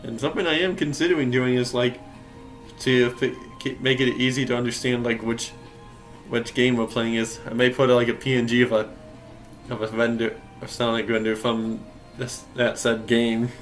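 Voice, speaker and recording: A man's voice: mid-range voice, level tone, normal speed, soft background music. A young man giving casual gameplay commentary, rambling and correcting himself, often laughing. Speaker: game streamer.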